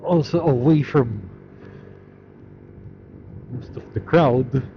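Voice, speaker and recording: A man's voice: mid-range voice, slow. A man talking casually to himself from inside a helmet as he rides a motorcycle, musing offhand in a muffled voice. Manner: musing aloud, offhand, with swearing. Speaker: motorcycle vlogger. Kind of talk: rambling casual commentary while riding. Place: inside a helmet, riding a motorcycle outdoors at night. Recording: muffled helmet audio, loud engine and wind noise.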